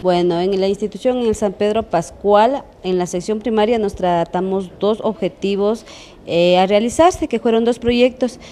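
A woman's voice: medium pitch, moderate pace, warm tone. A woman answering interview questions as a school coordinator into a handheld microphone indoors. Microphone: handheld reporter microphone. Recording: clear background room noise.

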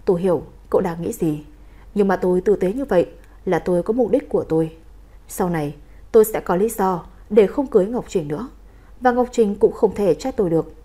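Woman reading as a stern male crime boss, calm and clipped, mellow low-toned voice, audiobook story. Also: brisk, breathy edge, close to an everyday voice. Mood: firm.

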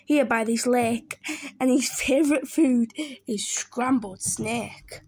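A woman voicing a small, clever, boastful mouse with a bright, cheeky manner. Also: a little high, takes it slowly, husky. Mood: sly.

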